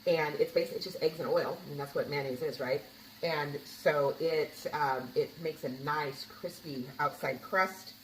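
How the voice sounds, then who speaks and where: A low-pitched woman talks her way through a recipe in a home kitchen, chatty and homey. The room is echoey, with a faint hum of ambience behind her. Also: normal speed, distant mic. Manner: chatty, homey, talks while cooking and tasting. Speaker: home cooking host. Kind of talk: casual cooking demonstration.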